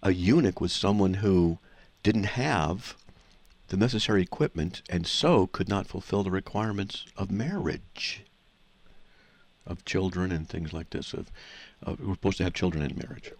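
On a call-in radio Bible answers show, the male host speaks in a low voice at a moderate pace. He teaches scripture to callers assertively.

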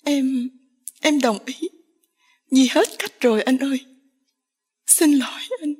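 A woman voicing a tearful young village woman pleading with the man she loves, with a slow, breathy delivery. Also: sits high, fairly even intonation, darkish tone, exaggerated voice. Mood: sobbing apology.

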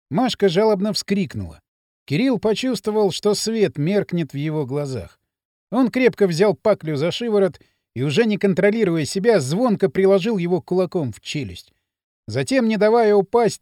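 Expressive high-voiced male audiobook narrator. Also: no room sound, clean studio sound. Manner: expressive, storytelling delivery.

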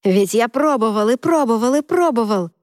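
A woman voicing a cocky, playful young male student who half-sings, half-shouts a rock chant. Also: on the low side, moderate pace, no room sound, clean studio sound, lightly acted. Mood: playful singing.

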